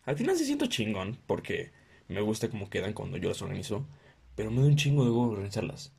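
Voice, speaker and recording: A man's voice: lowish voice, fast talker, vocal fry, slightly rough. A young Mexican man hosting his podcast, ranting with lots of swearing and doing exaggerated voices of other people. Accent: Mexican Spanish. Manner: profane, ranting, animated impressions of others. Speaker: podcast host. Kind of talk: casual comedic monologue.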